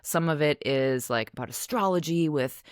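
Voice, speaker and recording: A woman's voice: deep voice, normal speed, clean tone, no room sound, clean studio sound. A young woman hosting her own podcast, talking casually and candidly, often laughing and swearing in passing. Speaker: podcast host. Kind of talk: casual solo podcast chat.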